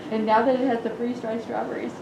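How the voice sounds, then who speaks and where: A middle-aged woman who works in a research office, introducing herself at a workshop in a measured, drawn-out way. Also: on the high side, little pitch movement, gravelly, a loud crowd. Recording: echoey room with background noise.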